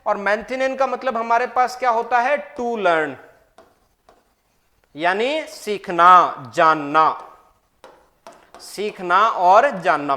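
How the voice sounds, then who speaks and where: A man's voice: very high-pitched, fairly bright tone. A man teaching a maths exam-prep lecture, asking the class questions and answering them himself, repeating key points. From Rajasthan, India. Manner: calls listeners "bhai".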